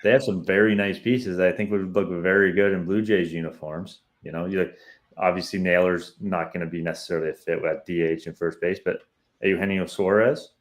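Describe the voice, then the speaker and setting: A man's voice: deep voice, steady tone, a little fast. A man with a Canadian accent co-hosting a podcast, giving confident, opinionated baseball analysis. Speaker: podcast co-host. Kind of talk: casual sports analysis.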